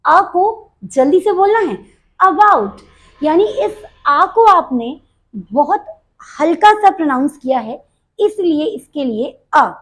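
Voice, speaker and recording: Slow, lively-voiced woman English teacher. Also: high-pitched. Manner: slow, explains step by step, repeats words for drill; mixes Hindi and English, addresses students directly. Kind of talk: pronunciation lesson.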